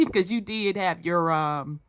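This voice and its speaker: A woman's voice: on the low side, no room sound, clean studio sound. A woman hosting a livestream show, bantering playfully, teasing and mimicking her guest while laughing. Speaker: host.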